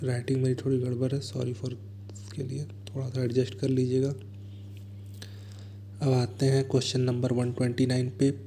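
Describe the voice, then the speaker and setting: Indian man, exam coach, dark mellow tone, monotone and unhurried delivery. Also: mid-range voice, slight background noise. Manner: reads questions slowly, then explains in fast asides. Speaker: exam prep teacher. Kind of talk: explaining exam answers.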